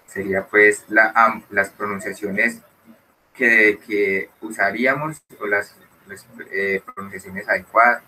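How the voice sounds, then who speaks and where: Slow, bright-toned teacher. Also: male voice, on the low side, recorded from a distance, slight background noise, poor audio. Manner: explains slowly, mixes Spanish and English, keeps asking "¿cierto?". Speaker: English teacher. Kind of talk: recorded online grammar lesson.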